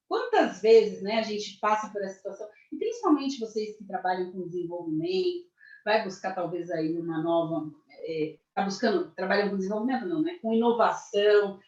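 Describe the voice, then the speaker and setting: A woman with a Brazilian accent, a career mentor giving a corporate training talk, speaking to the audience directly and acting out example phrases. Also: medium pitch. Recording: echoey, dull lo-fi sound.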